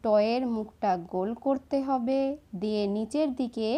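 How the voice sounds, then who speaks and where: A woman, slowly and patiently explaining each step of writing letters to children. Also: a little high, steady tone, dark tone. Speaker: teacher. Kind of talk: handwriting lesson for children.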